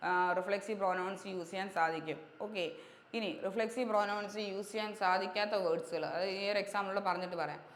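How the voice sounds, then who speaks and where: A woman teaching grammar, repeating each point and pausing to check that students follow. She speaks in a level, even tone. The room is echoey with a long reverb tail, and a faint hiss sits underneath. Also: mid-range voice. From Kerala, India. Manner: repetitive drilling, checks understanding with quick questions. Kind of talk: exam-prep grammar lesson.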